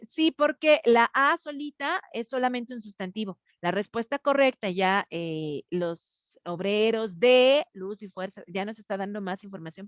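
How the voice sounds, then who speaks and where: A woman's voice: medium pitch, no room sound. A woman teacher, patiently walking students through a grammar lesson over a video call. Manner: patient, explains step by step, asks students for answers. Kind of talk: online grammar class.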